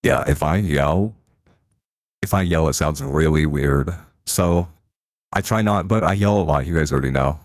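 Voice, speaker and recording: A man streaming a game through a deep pitch-shifting voice changer, chatting casually and reacting aloud to what happens on screen. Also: moderate pace, no echo, studio quality. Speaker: live streamer. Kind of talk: casual gameplay commentary.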